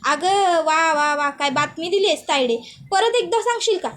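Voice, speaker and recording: A woman's voice: extremely high pitch, moderate pace, fairly bright tone. A woman doing a gloating, scheming village uncle. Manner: taunting, gloating.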